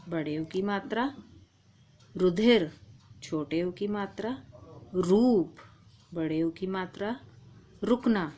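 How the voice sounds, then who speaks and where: A woman's voice: medium pitch, a little mellow. A woman teaching a primary-school language lesson, patiently calling the child "beta". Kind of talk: slow, deliberate primary-school Hindi lesson.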